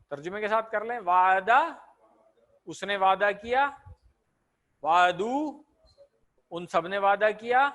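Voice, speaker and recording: Patient high-voiced male online teacher. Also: a bit bright. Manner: patient, repeats conjugations with translations; checks in often with students. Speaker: Arabic grammar teacher. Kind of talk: online class lecture. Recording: online class audio.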